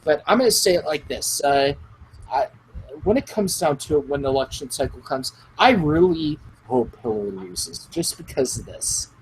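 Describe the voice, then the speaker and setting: A man's voice: a little high, animated, moderate pace, poor audio. Guy on a live stream, keeps repeating himself to drive the point home, slight hiss behind. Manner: emphatic, repeats phrases while building a point. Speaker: podcast co-host. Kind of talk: casual live-stream chat. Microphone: headphones and computer mic.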